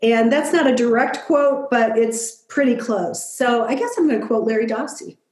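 A middle-aged woman giving a thoughtful, reflective interview answer, talking at an even pace with frequent "you know.". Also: fairly high pitch, moderate pace, echoey room. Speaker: guest. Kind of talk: conversational interview.

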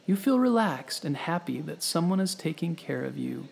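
A man narrating a scripted history story for children, gently and clearly explaining as he speaks to the listener, as a storytelling host. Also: on the high side, sing-song, moderate pace. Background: background music.

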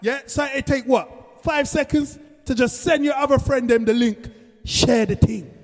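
High-pitched roadman-style man hosting a podcast. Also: a little slow. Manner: emphatic, repetitive urging. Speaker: podcast host and DJ. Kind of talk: casual hyped music podcast banter. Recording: long hall-like echo, music behind. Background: reggae music.

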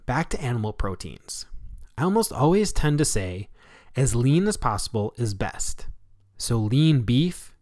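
A man's voice: medium pitch, a little mellow, no echo, clean studio sound. An American man hosting a scripted solo health talk show, with an emphatic, instructive delivery. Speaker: radio show host.

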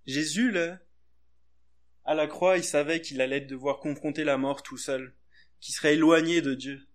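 A man's voice: on the high side, steady tone, moderate pace. A man preaching a sermon in a church, talking in a hesitant, conversational way with many restarts. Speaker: lay preacher.

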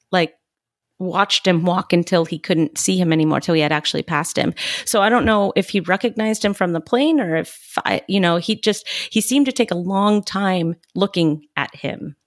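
A woman's voice: on the low side, dry recording, studio quality. A woman co-hosting a podcast, chatting casually and animatedly about a TV episode. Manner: chatty, animated, quotes characters in voices. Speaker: podcast co-host. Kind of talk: casual chat.

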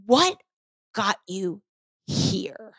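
A middle-aged woman hosting a podcast, chatting casually in a playful, animated way and swearing now and then. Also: mid-range voice, drawn-out words, slightly rough, dry recording, clean studio sound. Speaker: podcast host. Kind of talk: casual interview chat.

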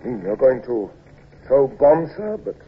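An actor playing a loyal, cautious naval officer with an anxious, deferential manner, in old radio drama style. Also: male voice, medium pitch, very animated, measured pace. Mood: worried. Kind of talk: 1950s radio drama acting. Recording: dull old radio recording with faint hiss.

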